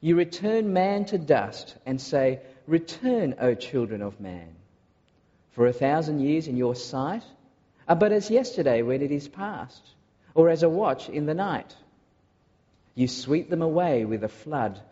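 A man from Malaysia preaching a sermon to a congregation, earnest and often pausing on filler uhs. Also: a little high, sing-song, dark tone. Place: large church hall. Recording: dull recording in a long-echo hall.

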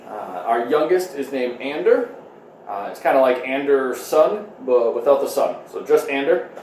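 A man in his thirties, a pastor giving a conversational sermon and prayer streamed online from home, pausing often with "uh". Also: medium pitch, lively intonation, a little mellow, far from the mic, slight background noise. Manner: conversational, full of "uh" fillers. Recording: echoey room.

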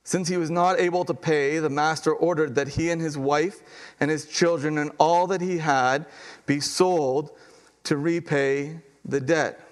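Animated man preaching a sermon. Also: a little high, unhurried. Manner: conversational, animated storytelling with acted quotes. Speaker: pastor.

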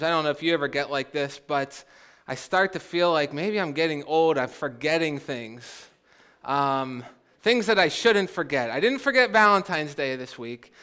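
A man's voice: a little high, a bit bright, clean tone. A man preaching a sermon as a pastor, talking in a conversational way with self-deprecating humor.

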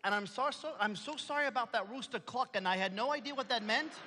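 In a comic stage skit, a man plays an excitable apostle-fisherman who rambles playfully, thinks out loud and hops from one thought to the next. His high, bright voice swings widely in pitch at a quick, excited pace, ringing through a reverberant hall over faint background noise.

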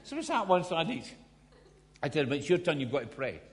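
A man's voice: a little high, sing-song, brisk. Scottish man preaching in an echoing hall. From Scotland. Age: 50s. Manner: storytelling with self-mocking humour. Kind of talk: sermon. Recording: long hall reverb.

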